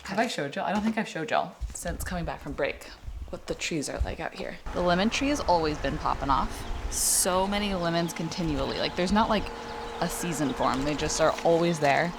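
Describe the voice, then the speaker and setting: A woman's voice: fairly low pitch, brisk, background noise. A young woman vlogging in a casual, chatty, rambling way, filling her talk with "like". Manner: chatty, rambling, filler "like" throughout. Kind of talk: casual vlog chat.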